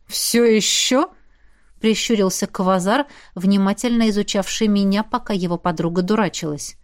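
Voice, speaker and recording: A woman narrating a novel in the first person, with a lively, expressive reading. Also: medium pitch, a little fast, no echo, studio quality. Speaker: audiobook narrator.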